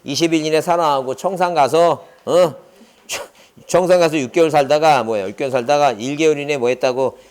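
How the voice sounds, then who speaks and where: A man's voice: a little high, fairly quick. A middle-aged man giving an exam-prep lecture, constantly quizzing his students with rhetorical questions and drilling memory tricks. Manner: mnemonic chanting, lively delivery.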